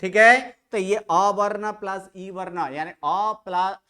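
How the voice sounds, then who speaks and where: A teacher giving a classroom grammar lecture, constantly quizzing students and slowly repeating their answers back. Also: medium pitch, steady tone, bright, forceful tone, clear, resonant tone.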